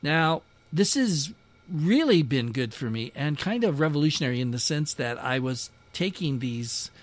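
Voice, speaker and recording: A man's voice: fairly high pitch, very animated, moderate pace. A man hosting a podcast in a casual monologue, chatty and self-deprecating with a dry, sarcastic humor. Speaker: podcast host.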